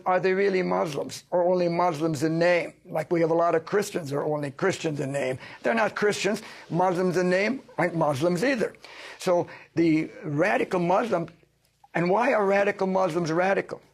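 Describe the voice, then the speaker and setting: An older man with a high voice and vocal fry answers interview questions as a sociologist. He's emphatic and lecturing, posing rhetorical questions to himself.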